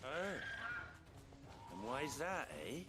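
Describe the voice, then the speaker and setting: An actor playing a menacing, crude bandit in a video game, talking in a taunting way. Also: male voice, on the high side, sing-song, slow pace, over music. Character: menacing bandit men, sneering and rough. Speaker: game character. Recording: game audio with loud noise.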